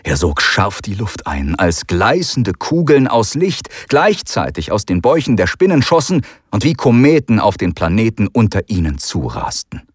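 A man narrating an audiobook in an expressive, dramatic way. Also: fairly low pitch, normal speed, hardly any pauses, slightly rough, no echo, clean studio sound.

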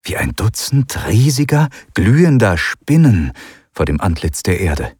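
A man narrating an audiobook in an expressive, dramatic way. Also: fairly low pitch, unhurried, breathy edge, no room sound, clean studio sound.

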